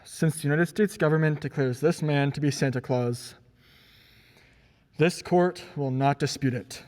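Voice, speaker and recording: A man's voice: a little high, fairly even intonation, a little slow, darkish tone, natural voice. A man playing a formal, exasperated courtroom judge in a radio play. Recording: long hall-like reverb.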